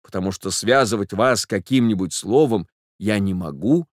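A man playing a gentle, earnest suitor. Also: fairly low pitch, no room sound, clean studio sound, natural voice. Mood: tender. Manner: soft, slow and solemn.

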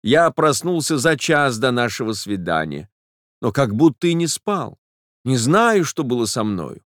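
Male narrator, reflective literary reading, emotional first-person storytelling, medium pitch, dry close sound. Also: sing-song, unhurried, a bit bright, no echo.

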